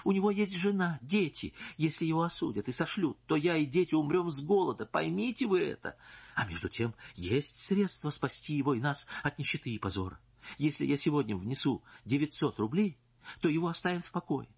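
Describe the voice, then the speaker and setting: A man voicing a distraught, indignant married noblewoman who pleads and accuses in a shrill, strained voice. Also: lively intonation, fairly quick, vocal fry, a little mellow, husky, highs cut off, full character voice. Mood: pleading.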